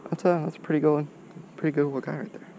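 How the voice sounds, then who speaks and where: A man's voice: fairly high pitch, flat delivery, rapid-fire, mellow, slight background noise. A young man vlogging at a lakeshore, talking in a laid-back, rambling way. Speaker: fishing vlogger. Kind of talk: casual outdoor fishing chat. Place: lakeshore in woods, outdoors. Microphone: action camera.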